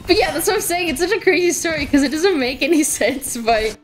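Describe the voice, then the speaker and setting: A woman's voice: high-pitched, animated, fast talker, slight background noise. A young woman streaming a game, chatting casually and giggling as she reacts to the match and her chat.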